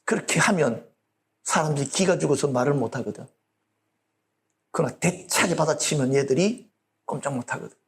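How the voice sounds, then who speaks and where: A man's voice: fairly high pitch, moderate pace, pauses often. A male pastor preaching a sermon in a blunt, colloquial way and often asking the audience for agreement.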